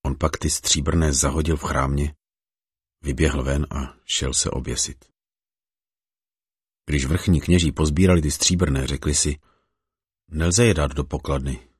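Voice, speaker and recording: Super deep breathy guy reading the bible slowly and solemnly, dry close sound. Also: steady tone, no room sound. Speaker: scripture reader. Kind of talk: scripted scripture reading.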